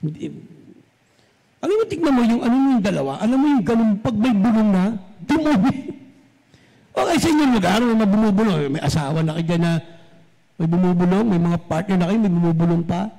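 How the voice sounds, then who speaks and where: A man's voice: high voice, expressive, brisk, creaky, dark tone. A man preaching a sermon as pastor, speaking straight to his congregation and switching between Tagalog and English. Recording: long reverb from a large hall.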